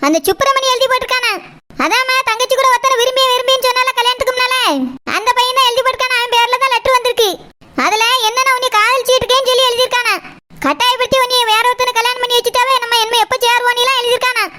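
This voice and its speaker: A bright, very high cartoon daughter, played by a woman, talks fast and soothingly. She explains things at length. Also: little pitch movement, slight background noise. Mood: explaining. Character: grown daughter Saroja, anxious, soothing.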